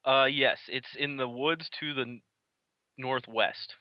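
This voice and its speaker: A man running a tabletop game, talking casually and haltingly. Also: medium pitch, fairly even intonation, dry recording, highs cut off. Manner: casual, halting, chuckles often. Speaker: game master.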